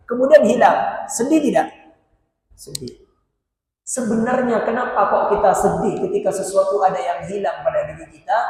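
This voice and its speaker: A male preacher gives a sermon, asking his listeners questions and answering them himself. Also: high voice. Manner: asks the crowd rhetorical questions and answers them. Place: large mosque hall. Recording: very echoey hall with long reverb, faint noise.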